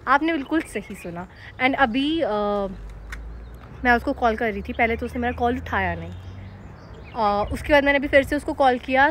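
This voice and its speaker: Hoarse young woman chatting fast. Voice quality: hoarse, lower than usual. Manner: fast, chatty, mixing English into her talk. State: sore throat, coughing. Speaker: vlogger. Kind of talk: casual vlog talk to camera. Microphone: no mic, phone camera. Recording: no mic, faint background noise.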